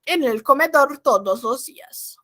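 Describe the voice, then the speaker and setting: Bright high-voiced Brazilian woman teaching. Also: expressive, a little slow. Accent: Brazilian Portuguese. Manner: explains patiently, checks in with "tá?" and "né?". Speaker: volunteer Spanish teacher. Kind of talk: online class lecture. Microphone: video call.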